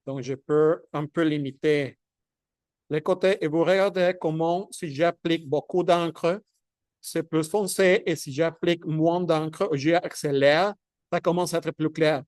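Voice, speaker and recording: A man leads a marker drawing lesson at a very unhurried pace, stopping and restarting as he works, with a slightly raised pitch. His voice is close and dry, with no room sound around it. He keeps checking in with "ok?" as he demonstrates. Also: steady tone, darkish tone, no echo. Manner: halting, thinks aloud while demonstrating; checks in with "ok?" often. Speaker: drawing instructor. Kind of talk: hands-on drawing tutorial.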